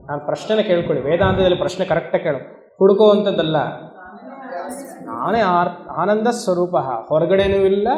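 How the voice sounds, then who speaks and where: A swami talks about Vedanta in a discourse hall, keeping it conversational, asking his listeners questions and chanting Sanskrit verses at a slow pace. He has a fairly high, slightly mellow voice, and the sound is reverberant.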